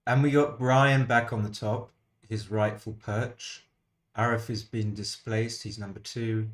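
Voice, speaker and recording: A man's voice: lowish voice, little pitch movement, measured pace. A man streaming an online backgammon game, chatting casually in a dry, self-deprecating way and muttering his thoughts to himself at a desk microphone.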